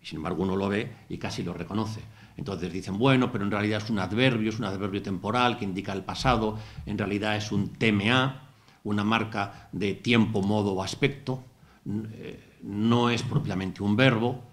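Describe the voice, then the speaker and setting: Middle-aged guy lecturing, goes word by word, kinda low voice. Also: normal speed. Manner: explains word by word, methodical, with asides. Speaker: university lecturer. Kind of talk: academic lecture. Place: lecture hall.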